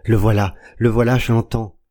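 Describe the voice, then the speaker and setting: Man reading as a frightened old gamekeeper, storybook figure, stammering, agitated, deep voice, dark husky tone. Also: measured pace, exaggerated voice. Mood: panicked. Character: old male gamekeeper, haunted by fear.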